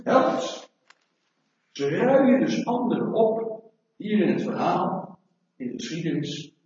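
A middle-aged man preaching a sermon, lively and asking rhetorical questions of his congregation, recorded from afar in a church hall. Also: on the high side. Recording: echoey hall, mic far off, dull sound.

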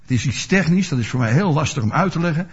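A man's voice: fairly high pitch, lively intonation, fast, husky. A male preacher giving a sermon, asking his listeners rhetorical questions and explaining scripture with everyday examples. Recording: dull lo-fi recording.

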